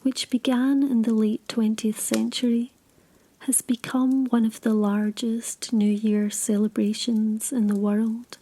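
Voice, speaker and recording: Sleep story narrator: woman, breathy whisper, soft and dark in tone, soothing, slow scripted read. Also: fairly high pitch, rough recording.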